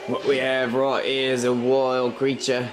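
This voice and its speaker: A man playing a deadpan wildlife documentary narrator in a comic spoof. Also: medium pitch, measured pace, lightly acted. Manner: deadpan, flat spoof commentary. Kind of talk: comic nature-documentary parody.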